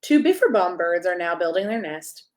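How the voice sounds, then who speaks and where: The reader is a woman pastor whose fairly low voice swings widely in pitch at normal speed. She gives a rhyming picture book an expressive bedtime reading for children, playfully speaking to them and asking them questions as she goes.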